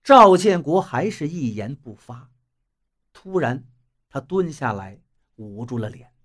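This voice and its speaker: Man, audiobook narrator, husky, lively pitch, dramatic. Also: slow. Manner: dramatic storytelling with wide pitch swings. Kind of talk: audiobook narration of a suspense novel.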